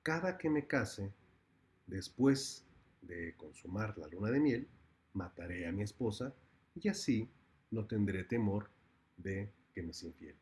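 Man voicing a ruthless jealous king, Mexican Spanish accent, low voice, boastful manner. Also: expressive, a little slow, darkish tone. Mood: brooding. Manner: brooding then bluff and boastful.

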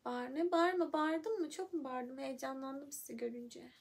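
A woman's voice: high voice, steady tone, normal speed. A young woman hosting a casual livestream, chatting playfully with viewers and reading the chat aloud into her phone. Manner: playful, chatty, hums and sings nonsense syllables.

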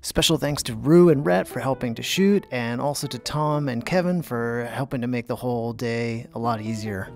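A man hosts with a medium-pitched voice in a scripted narration. Light guitar music plays behind him as he addresses his viewers. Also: moderate pace, creaky, few pauses. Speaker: show host. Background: soft guitar music.

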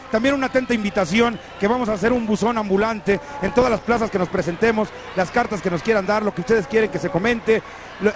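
A Mexican man giving playful, exclamatory wrestling play-by-play, repeating his phrases. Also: high voice. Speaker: wrestling commentator. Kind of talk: excited play-by-play commentary. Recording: noisy old TV tape from arena.

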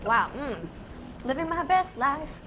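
A woman's voice: sits high, expressive, unhurried, background noise. A young woman hosting a food vlog, bubbly and enthusiastic, laughing often while tasting dishes. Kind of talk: casual food vlog chat. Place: small casual eatery, indoors. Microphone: lapel mic.

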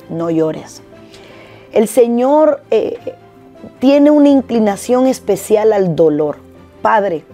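Woman preacher, mid-pitched, warm and mellow, earnest devotional delivery over a quiet music bed. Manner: earnest, exhorting, repeats key phrases. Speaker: pastor. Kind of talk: short devotional sermon.

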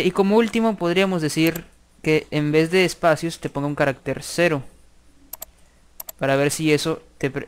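A man giving a screen-recorded programming tutorial, thinking aloud and dictating code slowly as he types. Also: fairly high pitch, clean tone.

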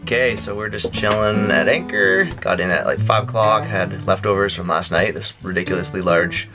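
A man's voice: lowish voice, moderate pace. Laid-back man vlogging from a sailboat. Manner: relaxed, rambling, lots of ums. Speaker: sailing vlogger. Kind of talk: casual vlog narration. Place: sailboat at sea, outdoors and in cabin. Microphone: handheld action camera at arm's length. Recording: background music over outdoor audio. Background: music.

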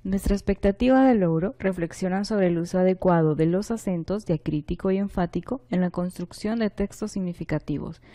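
A woman's voice: fairly low pitch, mellow. A woman teacher, from Honduras, giving a recorded lesson, explaining patiently and asking rhetorical questions of her pupils. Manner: reads example sentences aloud slowly.

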